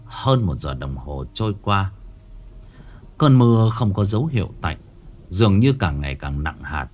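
A man's voice: deep voice, very animated, unhurried, darkish tone. A man narrating a ghost story in a dramatic storytelling manner.

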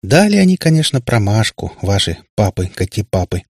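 A man's voice: lowish voice, very animated, moderate pace, no echo, studio quality. A man playing a firm, soothing witch mother.

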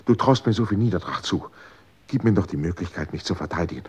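A man's voice: low voice, lively intonation, fast, breathy edge. An actor playing an anxious, pleading man in a 1960s radio drama.

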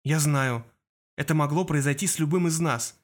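A man reading an audiobook voices a steady, loyal teenage boy who speaks calmly and reassuringly. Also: a little high, normal speed, lightly acted.

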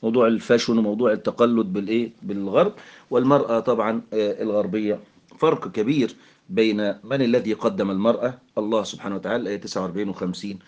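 A man with an Egyptian accent teaching English grammar in Arabic, mixing in English terms and filling pauses with "aah". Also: fairly low pitch, steady tone, a little mellow, lo-fi sound. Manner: explanatory, mixes English terms, frequent fillers.

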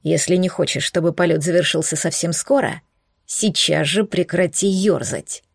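A woman voicing a strained, brooding male coral dragon prince who speaks slowly and low. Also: expressive, a little mellow, no room sound, clean studio sound. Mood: hushed warning. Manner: slow, low, groaning delivery.

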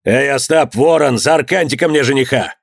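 Stern bossy old merchant dad barking gruff orders, a guy reading it, loud and mocking, dry close sound. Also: medium pitch, moderate pace, dry recording. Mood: wrathful. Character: stern domineering old merchant father, wrathful.

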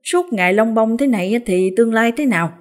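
Brief: fierce village mother, barking orders, raised and quick; woman narrator puts her on. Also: fairly high pitch, expressive, voice pushed up, natural voice. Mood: scolding. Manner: scolding, commanding. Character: sharp-tongued village mother, stern and scolding.

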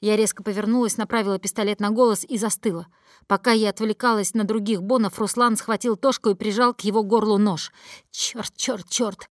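A woman's voice: mid-range voice, fairly even intonation, quick pace, dry recording, clean studio sound. A woman narrating a first-person audiobook in a tense, dramatic storytelling manner.

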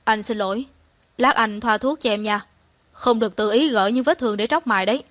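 Woman reading a gentle young man, soft, coaxing, tender, fairly high voice, dry recording. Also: fairly quick, dry recording, lightly acted. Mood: tender, pleading.

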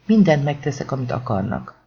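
A man's voice: medium pitch, big pitch swings, warm tone. Frightened runaway boy, read by a man. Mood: pleading. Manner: pleading, panicked outbursts. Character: frightened twelve-year-old boy on the run. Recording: dull lo-fi recording.

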